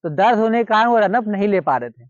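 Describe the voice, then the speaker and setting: Brief: Indian man, high voice, casual storyteller who repeats himself; dry, dull lo-fi sound. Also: expressive, fast, no room sound. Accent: Hindi-speaking Indian. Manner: repetitive, conversational retelling with quoted dialogue. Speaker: cricket storyteller.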